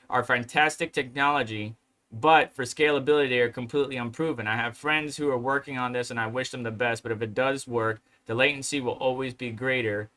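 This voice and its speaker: A man's voice: mid-range voice, sharp tone. A man hosting a casual livestream, reading articles and chat aloud and rambling in asides. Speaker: crypto livestream host.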